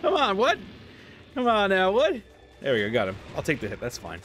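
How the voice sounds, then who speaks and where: A high-pitched male streamer in his thirties talks briskly while gaming at his desk at home, his voice swinging hugely in pitch and fairly bright in tone. He rambles casually and sounds a little stuffy-nosed. A faint hiss or hum is audible.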